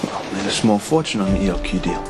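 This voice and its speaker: An actor playing a smooth, self-assured businessman in a soap opera, talking with a wry edge. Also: low voice, lively intonation, fast talker, loud music behind the voice.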